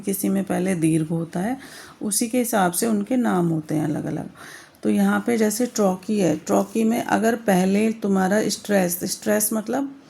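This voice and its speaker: A woman lecturing on poetry with a gravelly, creaky edge to her voice. She keeps checking that her students follow, and she slows to a careful crawl whenever she dictates a definition. Her pitch sits in an ordinary middle range. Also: mellow. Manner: explains step by step with frequent checks like "thik hai"; addresses students fondly as "beta". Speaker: English literature teacher. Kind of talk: online lecture in Hindi mixed with English.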